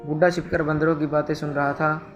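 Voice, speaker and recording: A man reading a folk tale aloud as a scripted storyteller, in a steady, even manner. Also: a little high, a little fast, highs cut off, faint music behind.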